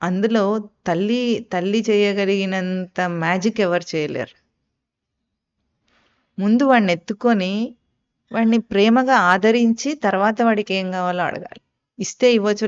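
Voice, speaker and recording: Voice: mid-range voice, normal speed, long pauses, smooth. Teacher giving a lo-fi scripture discourse. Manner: asks rhetorical questions and answers them; quotes and explains Sanskrit terms. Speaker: spiritual teacher. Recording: dull lo-fi recording.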